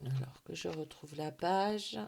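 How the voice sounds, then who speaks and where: A woman gives a gentle, hesitant intuitive oracle card reading for her viewers, with many fillers and affectionate words. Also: low-pitched, animated, unhurried, gravelly, a little hiss or hum. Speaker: intuitive card reader and hypnotherapist.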